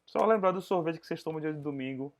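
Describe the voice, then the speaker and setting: Man, English teacher, video call class, mixes languages, slow pronunciation drills. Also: a little high.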